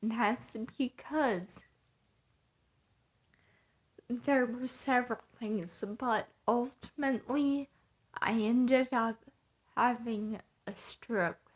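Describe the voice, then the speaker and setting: A woman vlogger with breathy, airy starts to her words, talking casually in slow, halting, short broken phrases. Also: a little high, steady tone. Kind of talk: casual personal vlog to camera.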